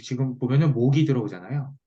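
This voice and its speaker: A man's voice: medium pitch, fast, mellow, breathy edge. A man teaching in a one-on-one online lesson, explaining step by step and checking understanding with short tag questions. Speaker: teacher of Korean saju fortune-telling. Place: online video call. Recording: muffled, lo-fi video call audio.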